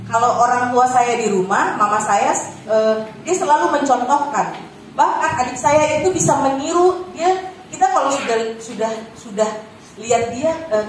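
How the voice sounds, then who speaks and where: Woman workshop speaker, chatty, slightly high pitch; echoey far-mic recording with noise. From Batak. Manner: conversational, acts out quoted mother. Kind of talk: informal workshop talk.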